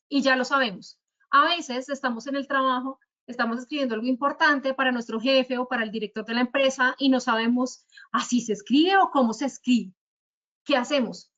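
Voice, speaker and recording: A Colombian woman with a high voice teaches spelling rules in an online talk. She works through her examples one by one in a patient, didactic way. The audio sounds somewhat dull, like a web meeting. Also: a bit bright. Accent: Colombian Spanish. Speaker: speaker at a virtual talk on writing. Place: virtual conference.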